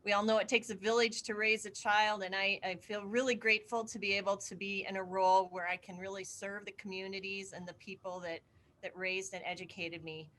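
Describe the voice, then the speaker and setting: Older woman from Iowa, bright clear voice, composed and sincere executive. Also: mid-range voice, level tone, fairly quick. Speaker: hospital CEO. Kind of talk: panel introduction.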